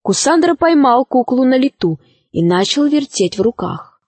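A woman tells a fairy tale in a bright, animated reading voice. Her pitch sits a little high, and the recording is close and dry with no room around it. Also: moderate pace, slightly rough, no echo. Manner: lively, expressive storytelling. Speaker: narrator.

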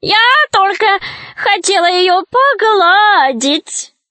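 A woman voicing a scheming old witch in a read-aloud fairy tale, in a shrill, shrieking manner. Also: lively intonation, slow pace, pushed and bright, no echo, exaggerated voice. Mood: fussing.

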